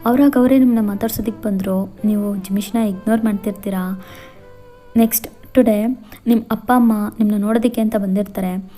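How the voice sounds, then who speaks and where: A woman's voice: medium pitch, steady tone, brisk, dark tone, faint music behind. A woman narrating a fan fiction voiceover in the second person, in a chatty storytelling manner.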